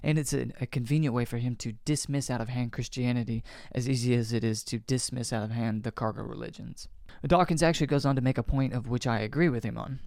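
A man's voice: mid-range voice, fairly even intonation, fast talker, creaky, a little mellow, no echo, studio quality. A man hosting a commentary show, reacting to an interview clip and arguing his points earnestly. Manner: earnest, argumentative. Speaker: host.

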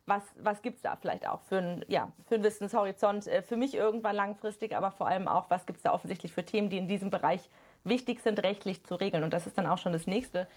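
A woman who works as a study coach, a guest on a podcast, explaining in a fast, animated way full of fillers. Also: medium pitch, husky. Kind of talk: casual chat.

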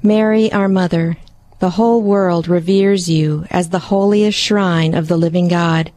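A woman's voice: fairly low pitch, fairly even intonation, a little slow, darkish tone, slight background noise. A woman who is a guest in a radio studio, speaking carefully and with some fillers. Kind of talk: radio interview and read prayer.

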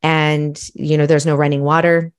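Low-voiced woman telling her story. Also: normal speed, clear, resonant tone. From Malawi. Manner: animated, self-reflective storytelling. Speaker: guest. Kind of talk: casual storytelling.

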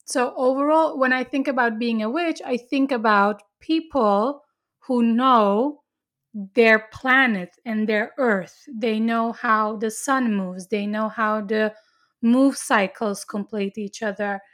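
A woman's voice: on the high side, takes it slowly, a bit bright. A woman chatting casually, earnestly explaining her spiritual beliefs at length with frequent restarts.

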